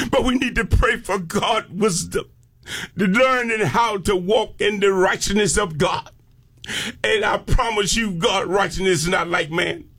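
An American man with a high, slightly bright, husky voice preaches a fervent sermon in a call-and-response style. He keeps breaking off to exclaim praise with real passion.

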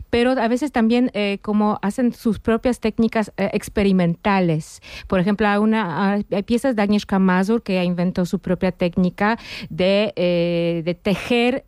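Woman, polish accent, smooth voice, dry close sound, hesitant guest. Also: medium pitch, darkish tone, no room sound. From Poland. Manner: hesitant, many fillers and restarts. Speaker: exhibition curator. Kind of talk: radio interview.

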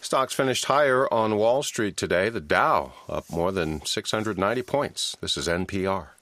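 A man's voice: on the low side, animated, moderate pace, a bit bright, no room sound. A man with an American accent anchoring a scripted radio newscast. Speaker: news anchor. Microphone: close studio microphone.

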